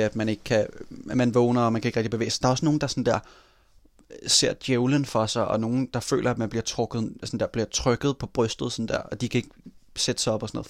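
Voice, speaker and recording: A man in casual chat telling a personal story in an animated way, swearing casually. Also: medium pitch, dry recording, studio quality.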